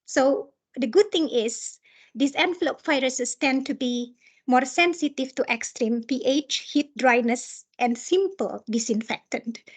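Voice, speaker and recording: High-pitched woman with an Indonesian accent, presenting. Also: husky. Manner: halting, searching for words. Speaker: trainer. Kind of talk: slide presentation lecture.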